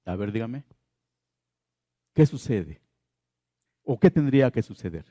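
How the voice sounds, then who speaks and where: A man's voice: mid-range voice, very animated, a little slow, warm tone, no echo, clean studio sound. A man preaching a sermon as pastor, asking the congregation questions and repeating his key phrases.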